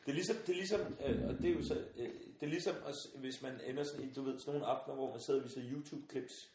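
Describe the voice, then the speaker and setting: A man telling funny anecdotes in a casual podcast chat, acting out the voices in his stories and laughing often. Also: medium pitch. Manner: animated storyteller, acts out voices, laughs often. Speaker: podcast guest. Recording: roomy sound with faint noise.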